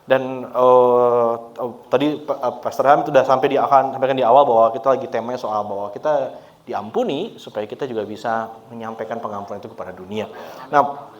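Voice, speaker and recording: Chatty man preaching a relaxed sermon. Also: mid-range voice, a little fast, muffled recording. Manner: relaxed and chatty, laughs often, mixes in English words. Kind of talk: conversational sermon. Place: church service.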